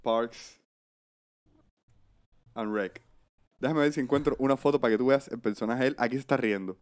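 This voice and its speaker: A man co-hosting a casual podcast, talking fast and excitedly. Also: medium pitch, clear, resonant tone. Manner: rapid, excitable, says "papá" a lot. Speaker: podcast co-host. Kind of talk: casual chat.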